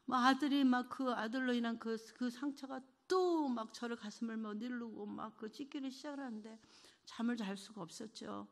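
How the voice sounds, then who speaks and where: A middle-aged woman giving an emotional church testimony, earnest, moving between hushed and fervent delivery. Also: fairly high pitch.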